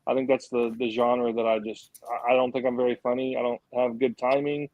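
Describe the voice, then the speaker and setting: A man's voice: mid-range voice, flat delivery, brisk, dry recording, phone-quality sound. A man, a film director guest on a podcast, answering modestly and hesitantly, with many stumbles and restarts. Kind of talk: casual interview.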